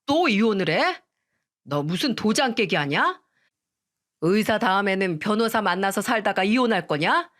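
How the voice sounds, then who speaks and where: A woman's voice: medium pitch, lively intonation, moderate pace, a bit bright, lightly acted. A woman voicing a bitter divorced man who scolds his ex-wife with contempt, in a read-aloud radio story. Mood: scornful, scolding. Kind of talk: storytelling radio drama reading.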